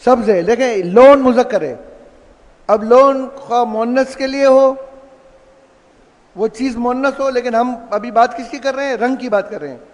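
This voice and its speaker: A man's voice: very high voice, in a large hall. A man teaching an Arabic lesson, explaining words and asking and answering his own questions. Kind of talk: classroom lesson.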